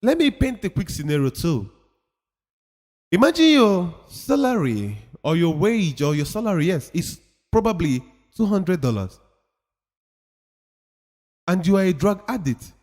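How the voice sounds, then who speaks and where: Through a long reverb like that of a hall, a motivational speaker's high, slightly mellow voice swings widely in pitch as he presses his points. He speaks emphatically, almost like a preacher, and repeats phrases to give them weight.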